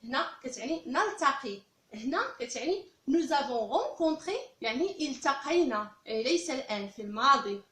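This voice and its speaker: A woman with a Moroccan Arabic accent, teaching French grammar step by step and repeating each example phrase slowly and carefully. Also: high voice, expressive, pushed and bright, roomy sound.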